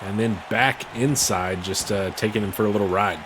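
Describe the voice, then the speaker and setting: Male wrestling commentator over clear background noise. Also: on the low side, moderate pace. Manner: calls the action in short bursts.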